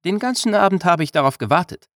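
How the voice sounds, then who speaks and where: A man's voice: high voice, lively intonation, quick pace, a bit bright, no room sound, clean studio sound, pitched above the performer's own voice. A male narrator voicing a bold, playful young village woman in an audiobook. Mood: teasing. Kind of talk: audiobook character reading.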